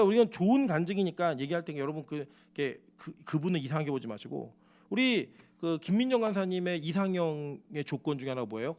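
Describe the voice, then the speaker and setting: A male pastor preaching a sermon, emphatic and animated, asking the congregation rhetorical questions. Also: on the high side.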